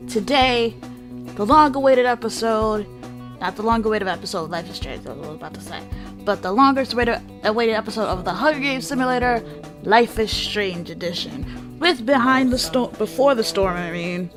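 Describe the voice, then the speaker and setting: Over background music, a lively woman with a fairly high voice speaks at a moderate pace. As host of a gaming series, she mixes mock-dramatic announcements with throwaway asides, swearing casually throughout.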